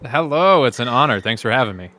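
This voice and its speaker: Bright-voiced young man, easygoing guest. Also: medium pitch, lively intonation, fast, no echo. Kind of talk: casual live chat.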